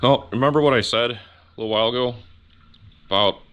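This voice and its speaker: A man hosting a casual garage vlog, tired and losing his voice from a cough, talking slowly with halting restarts and fillers. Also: mid-range voice, fairly bright tone, clear, resonant tone, lo-fi sound. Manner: slow, halting, trailing off with many fillers. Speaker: home mechanic and channel host. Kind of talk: casual workshop vlog narration. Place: home garage.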